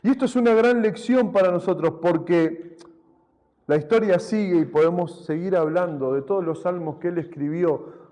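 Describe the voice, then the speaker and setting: A male pastor preaching a sermon, telling a story and reading scripture softly, rising when he quotes speech. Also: high-pitched, normal speed. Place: church hall. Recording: reverberant church hall.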